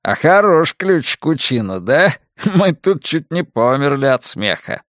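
A man voicing a joking male hacker with a bassy, bantering manner. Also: sing-song, unhurried, a bit bright, no echo, clean studio sound. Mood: jokey.

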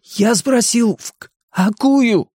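A man's voice: very high voice, darkish tone, husky, no room sound, clean studio sound, voice pushed up, full character voice. A man doing a stuttering boy leader. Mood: urgent. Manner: stammering, halting.

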